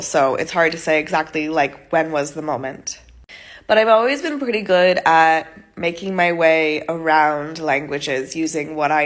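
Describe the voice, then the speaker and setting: A woman's voice: deep voice, fairly bright tone. An American woman with a head cold and a nasal voice, chatting casually to camera in a rambling way, often saying "like". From United States. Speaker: vlogger and EFL teacher. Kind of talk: casual talking-head vlog.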